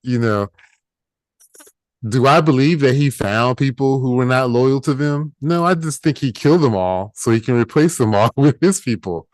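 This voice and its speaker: A man's voice: medium pitch, moderate pace, no room sound. Joking man on a podcast. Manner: joking, laughs often. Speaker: podcast co-host. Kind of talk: casual chat.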